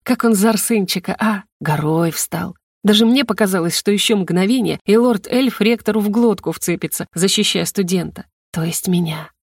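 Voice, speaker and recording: A woman reading a first-person fantasy audiobook in a lively, playful way. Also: medium pitch, moderate pace, few pauses, breathy edge, dry recording, clean studio sound. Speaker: audiobook narrator.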